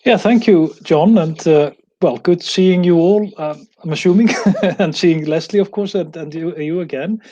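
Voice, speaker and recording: Icelandic-born male professor, mellow tone, muffled video-call sound. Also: a little high, normal speed. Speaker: guest professor. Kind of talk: academic presentation.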